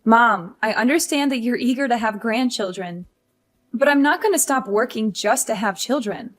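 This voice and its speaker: A young career wife, voiced by a woman, pushes back in exasperation in an animated story. Her voice sits a bit high, pleading and indignant. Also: moderate pace, close to an everyday voice. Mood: exasperated.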